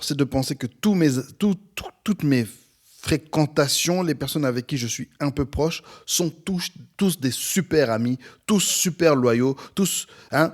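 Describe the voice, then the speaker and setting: A pastor in his forties hosting a podcast from home, talking with energy and warmth about friendship. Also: mid-range voice. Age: 40s. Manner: energetic, upbeat, animated. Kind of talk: podcast sermon. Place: at home near an airport, planes passing.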